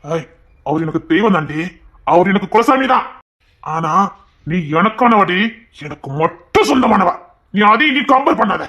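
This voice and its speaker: A man's voice: high-pitched, lively intonation, moderate pace, pauses often, pushed and bright, heavily acted. A man voicing a possessive, hot-tempered young husband in an audio drama. He talks in a stern, scolding way. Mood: stern tender. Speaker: voice actor in an audio serial.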